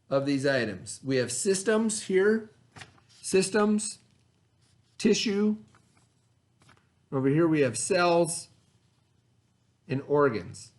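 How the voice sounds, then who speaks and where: A man with a fairly high voice teaches a read-aloud lesson for children, speaking instructively, repeating key words and prompting them with questions.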